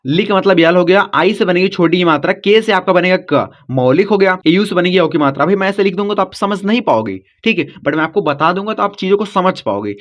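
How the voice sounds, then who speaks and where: A man gives a patient spelling lesson to children, spelling each name slowly letter by letter. His voice sits fairly high for a man. The recording is dull and lo-fi. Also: expressive, fairly bright tone. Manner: patient, repeats "ठीक?" after each step. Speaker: English teacher. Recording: dull lo-fi audio.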